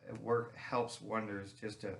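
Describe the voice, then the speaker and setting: Man, lower-than-average register. Earnest, halting personal testimony told as informal storytelling. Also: level tone, gravelly. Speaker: guest sharing recovery testimony.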